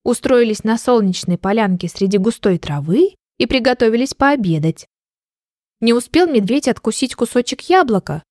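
A woman's voice: mid-range voice, darkish tone, no echo, clean studio sound. Woman reading a children's story. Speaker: narrator. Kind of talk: children's audiobook narration.

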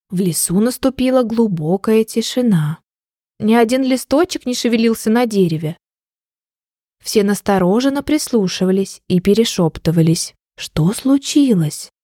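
A woman narrating a children's audiobook in a gentle, measured storytelling voice. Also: fairly high pitch, dry recording, studio quality.

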